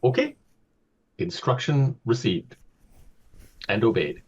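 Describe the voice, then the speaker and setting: A man's voice: medium pitch, big pitch swings, slow, darkish tone, husky, dull audio. A man playing a tabletop game, answering in a stiff voice like a robot. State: talking like a robot. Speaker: player.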